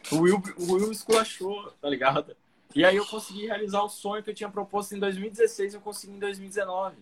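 A man's voice: high voice, steady tone, quick pace, a little hiss or hum. A young man from Cuiabá, a guest comedian, telling a long story in casual slang and acting out the other people in it. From Cuiabá, Brazil.

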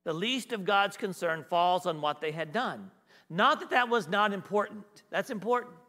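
A middle-aged male guest pastor giving a sermon, emphatic, swinging between loud and hushed. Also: sits high, expressive, normal speed. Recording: long hall reverb.

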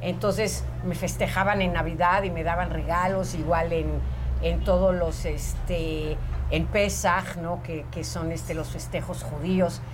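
A woman in her sixties, an actress, telling stories about her life in a lively, drawn-out way. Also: fairly low pitch, noisy background. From Portugal, raised in Israel. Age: 60s. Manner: animated, drawn-out storytelling, laughs easily. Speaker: actress, interview guest. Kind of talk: casual interview storytelling. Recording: music playing behind the voice.

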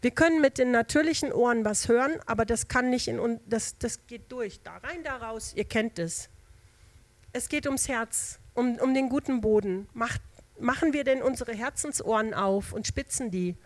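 A woman's voice: fairly high pitch, normal speed, dry recording. Woman giving a homely, chatty sermon. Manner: homely, conversational, with everyday examples and fillers; restarts and hesitations. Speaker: lay preacher. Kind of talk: informal sermon.

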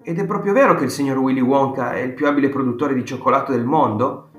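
A man's voice: mid-range voice, quick pace, highs cut off, natural voice. A man doing a curious little boy. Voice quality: eager, wondering. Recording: roomy reading with faint guitar music.

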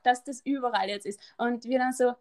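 A woman's voice: on the high side, brisk. Rambling young Austrian woman. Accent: Austrian German. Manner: lively, rambling anecdote-telling with restarts. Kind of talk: casual chat.

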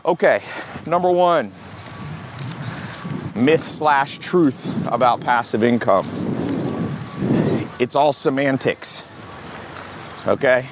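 An American podcast host with a medium-pitched voice talks casually on his own while walking briskly through a city park. Traffic hum and street noise from passing vehicles fill the background.

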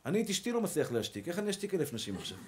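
High-voiced rousing male rabbi. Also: sing-song, slight background noise. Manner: emphatic, rousing, repeats rallying calls. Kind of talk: sermon.

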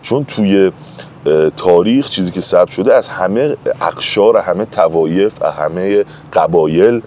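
Chatty man with a very deep voice. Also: dark tone, a little hiss or hum. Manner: chatty, tells anecdotes, emphatic. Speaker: guest. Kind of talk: casual conversation.

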